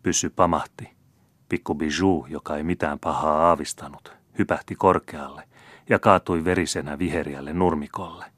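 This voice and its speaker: A man narrating a classic novel as an audiobook in a measured, even way. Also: rumbling low, dry recording.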